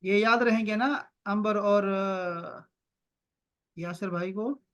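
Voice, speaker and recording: A man teaching an online language lesson over a video call, repeating words slowly and drawing them out for his learners. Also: high-pitched, fairly bright tone. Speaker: Arabic teacher.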